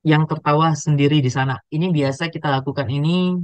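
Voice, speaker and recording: A man teaching a public speaking webinar, demonstrating intonation and tempo drills in an animated way. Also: fairly high pitch, brisk, dry recording, poor audio. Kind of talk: webinar lesson.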